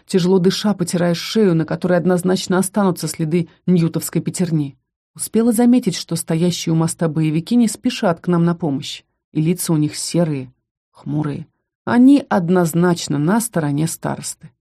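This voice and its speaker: A woman narrating a first-person fantasy audiobook in a steady, even storytelling manner. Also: on the low side, moderate pace.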